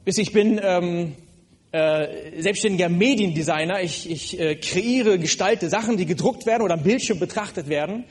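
A man delivers a sermon in a fairly high voice. He speaks earnestly and directly to his listeners, often pausing on hesitant fillers. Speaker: preacher.

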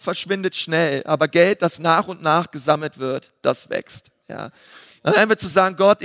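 A man, a pastor giving a lively sermon full of fillers. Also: sits high, no echo, studio quality, long reverb tail. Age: 30s. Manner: lively preaching with filler words.

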